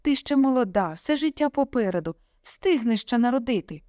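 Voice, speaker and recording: A woman's voice: a little high, lively intonation, moderate pace, warm tone, no echo, clean studio sound, voice pushed up, lightly acted. A woman voicing a worried middle-aged mother who pleads with her daughter, anxious and tearful. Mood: pleading.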